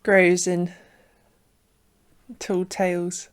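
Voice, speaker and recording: A woman's voice: on the low side, monotone, extremely slow, background noise. A young British woman giving casual reaction commentary on a show as she watches. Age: young adult. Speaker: reaction host.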